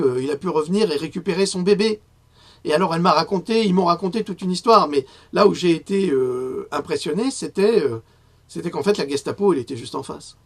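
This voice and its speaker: A man giving a spoken press review, indignant and hesitant, often pausing on fillers before rising to outrage. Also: on the high side. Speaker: independent press commentator.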